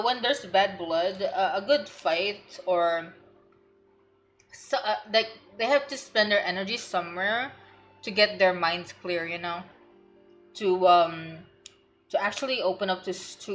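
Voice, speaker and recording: A woman's voice: lowish voice, a little slow, soft background music. A young woman streamer chatting casually over a game, rambling and giggling as she reacts.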